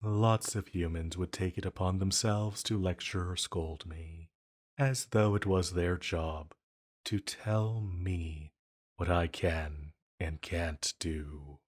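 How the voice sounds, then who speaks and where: Voicing an ancient villain cast out long ago, a male actor delivers a heavily acted audio drama monologue in a very low, slightly rough voice with fairly even intonation. The delivery is unhurried and deliberate, intimate and silky, his flirtation laced with dangerous condescension.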